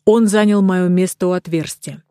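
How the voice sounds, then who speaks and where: A woman narrating an audiobook in a measured, steady reading. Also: lowish voice, clear, resonant tone, dry recording, clean studio sound.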